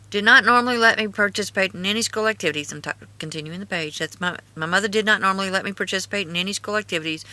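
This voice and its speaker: A woman with an Appalachian-style hillbilly twang casually reads her own writing aloud with asides, in a halting, folksy, earnest way. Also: mid-range voice, sharp tone. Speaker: video host and author reading own memoir.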